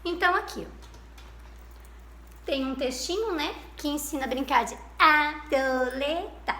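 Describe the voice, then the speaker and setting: A Brazilian Portuguese woman teaching small children in a high, sparkling voice. She talks in a patient, sing-song way, drawing out each syllable and cheering the class on. The room rings with a roomy echo. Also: measured pace, sharp tone, a little hiss or hum. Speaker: primary school teacher. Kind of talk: recorded remote lesson for young children.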